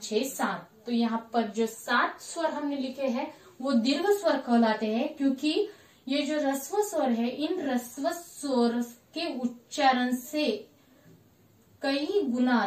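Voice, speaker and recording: A woman's voice: high voice, a little mellow. A woman teacher giving a grammar lesson, repeating points and asking questions that she answers herself. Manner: slow, repetitive, asks questions and answers them herself. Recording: echoey room, voice from a distance.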